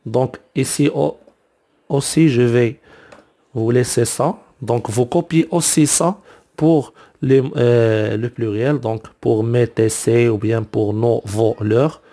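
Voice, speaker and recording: A man teaching a French grammar lesson, explaining slowly and repeating each form many times, with frequent fillers like "donc" and "alors". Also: mid-range voice, fairly even intonation, mellow.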